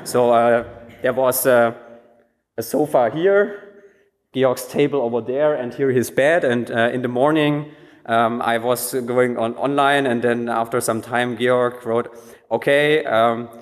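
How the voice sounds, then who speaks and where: A man's voice: medium pitch, steady tone, measured pace. A man telling a personal story at a conference, hesitant, with many fillers and restarts. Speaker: conference speaker. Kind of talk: anecdotal conference talk. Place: conference hall. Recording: long hall reverb.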